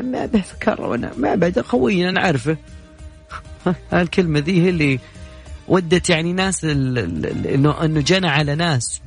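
A man with a Saudi Gulf accent talks quickly as a radio show host, chatty and joking with callers. His voice sits at an ordinary pitch, with faint music under it in the studio. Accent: Saudi Gulf Arabic. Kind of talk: call-in radio show chat.

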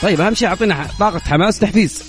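A man with a Saudi accent hosting a live radio quiz show with callers, joking and chatty. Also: high voice. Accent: Saudi Arabic. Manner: fast, jokey and chatty. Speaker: radio host. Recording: radio studio with loud music bed.

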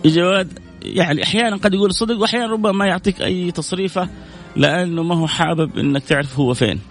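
A man's voice: high-pitched, very fast, faint music behind. A man hosting a radio call-in show, giving earnest family advice and reading out listener messages.

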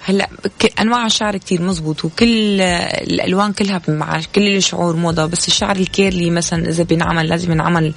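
Female expert guest, Levantine accent, rapid-fire conversational delivery with plenty of vocal fry. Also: lowish voice, steady tone. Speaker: hair specialist, radio guest.

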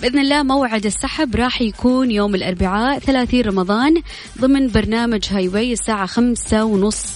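A woman's voice: fairly high pitch, fast talker. A woman with a Hijazi Saudi accent, presenting a live radio quiz in a chatty, informal way, talking straight to her listeners. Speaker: radio quiz show host. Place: radio studio. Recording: music running behind the voice. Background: music.

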